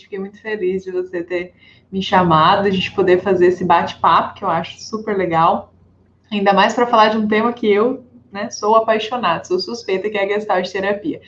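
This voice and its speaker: A woman speaking as a guest psychologist in a casual live chat, with relaxed, chatty asides. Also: mid-range voice, a little fast, lo-fi sound. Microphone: video call headset.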